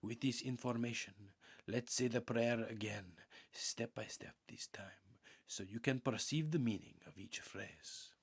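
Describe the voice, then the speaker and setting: A man reads a spiritual audiobook in a mid-range, husky, gravelly voice. His delivery is earnest, measured and meditative, with deliberate pauses.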